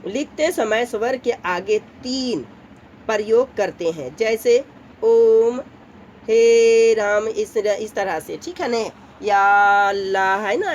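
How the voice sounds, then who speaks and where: A woman teacher talks children through a grammar lesson at an unhurried, careful pace, stretching vowel sounds out to show them. Her voice sits at a middle pitch, with a faint ambient hum behind it. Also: a little mellow. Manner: slow, patient explaining, often checks in with the class; draws out vowel sounds to demonstrate. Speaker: school teacher.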